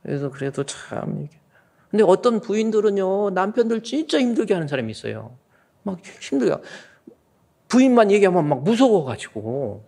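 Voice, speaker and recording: A man in his fifties, a senior pastor, preaching a lively, folksy sermon and acting out quoted voices now and then. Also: high voice, brisk, vocal fry.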